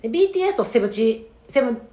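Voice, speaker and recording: A woman's voice: on the high side, very animated, racing, warm tone. A woman with a Kansai accent co-hosting a casual chat, telling stories animatedly with frequent laughter. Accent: Kansai Japanese. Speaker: podcast co-host. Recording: roomy echo.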